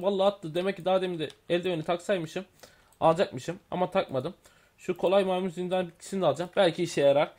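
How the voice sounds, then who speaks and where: A man talks through his gameplay in a casual commentary. His voice sits a little high for a man, and he rambles with fillers, corrects himself as he goes and mutters quietly to himself between lines. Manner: chatty, thinks aloud, many fillers and self-corrections. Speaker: gaming YouTuber.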